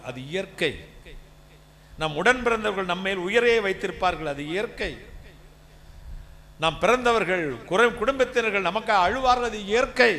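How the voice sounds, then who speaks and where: A male pastor from India preaching a sermon, telling personal stories and building to loud, emphatic preaching. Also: high voice.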